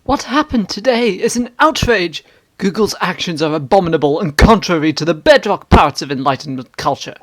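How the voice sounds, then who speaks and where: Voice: mid-range voice, expressive, moderate pace, natural voice. A performer playing a hammy, indignant stage actor, declaiming internet comments in a grandiose, theatrical way. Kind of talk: dramatic reading of internet comments.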